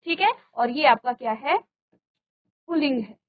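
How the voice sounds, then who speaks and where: A woman teaching a grammar lesson to a virtual class, slowly and patiently, repeating word pairs and asking the class questions. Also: high voice, animated, phone-quality sound. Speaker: Hindi teacher. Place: studio.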